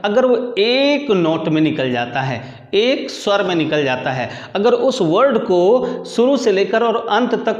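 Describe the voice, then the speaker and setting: A man's voice: high voice, very animated, slow, lo-fi sound. A man teaching an English grammar lesson, repeating key words and putting questions to his students. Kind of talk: classroom lecture in Hindi. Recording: echoey room.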